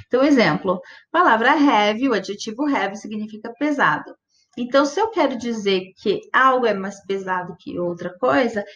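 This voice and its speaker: A woman teaching an English grammar lesson, explaining patiently step by step, checking that students follow and slowing down to spell out example words. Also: a little high, dull audio. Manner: patient, step-by-step, checks understanding with "tudo bem?" and "certo?". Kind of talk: classroom-style grammar explanation.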